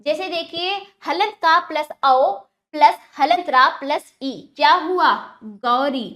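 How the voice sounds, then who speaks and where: High-voiced woman teaching young children. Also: bright, forceful tone. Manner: patient, asks pupils questions then answers them; slows down and stresses each word when spelling examples. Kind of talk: Hindi grammar lesson for children.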